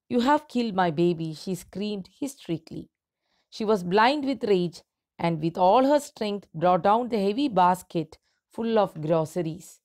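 A woman's voice: medium pitch, darkish tone. A woman teacher reading a story aloud to her students and explaining the meaning of its words. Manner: slow, deliberate, clear reading with pauses between phrases.

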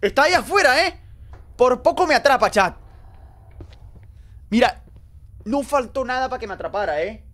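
A man commentating his live horror game stream, jumpy and excitable, talking to his chat. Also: very high voice, normal speed, pauses often.

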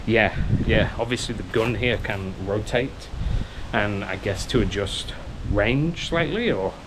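Exploring an abandoned coastal military base in the heat, a lowish-voiced man vlogs his travels at an unhurried pace. His casual walking commentary into a handheld camera is chatty, exclamatory and nervously excited, with outdoor noise and handling clicks in the recording.

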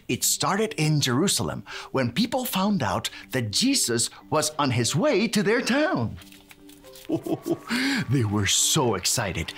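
A man's voice: on the high side, fairly bright tone. A man hosting a preschool Bible lesson as a cheerful handyman, playful and exclamatory, leading children in chants. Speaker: children's show host in character.

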